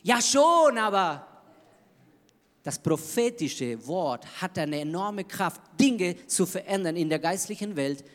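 A man preaching a sermon in an emphatic manner, swinging between loud bursts and hushed lines. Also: high-pitched, sing-song, slow, long reverb tail. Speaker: pastor.

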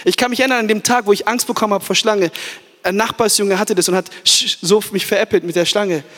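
A man's voice: sits high, fairly even intonation, fast, a bit bright. Man, youth pastor, fervent sermon, asks the crowd for amens, English words mixed in, church hall echo.

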